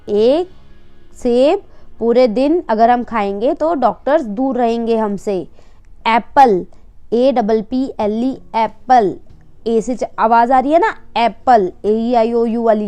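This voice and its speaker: Slow, patient woman teacher with Indian accent. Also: fairly high pitch, warm tone, clear, resonant tone. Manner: slow, patient explaining, reads English sentences very slowly. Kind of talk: worksheet lesson explaining English grammar in Hindi.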